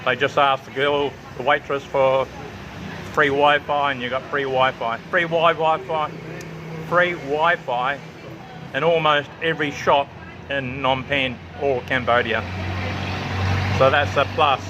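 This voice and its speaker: Speaking slowly with fairly even intonation in a mid-range voice, this travel vlogger from New Zealand has a New Zealand and Australian accent. He gives a casual restaurant walkthrough at an outdoor riverside cafe with traffic close by, repeating himself for emphasis, and the lo-fi recording has a noisy background.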